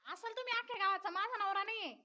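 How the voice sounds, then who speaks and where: A woman acting a sharp-tongued young village wife, scolding with quick retorts. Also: very high voice, no room sound, studio quality, exaggerated voice. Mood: irritated.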